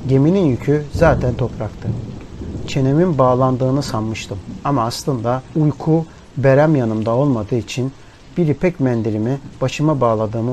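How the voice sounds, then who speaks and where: Male audiobook narrator, mid-pitched, grave and measured, rain and thunder running under the read. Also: background noise. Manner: measured, grave first-person storytelling. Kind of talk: scripted literary narration. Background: rain and thunderstorm sound bed.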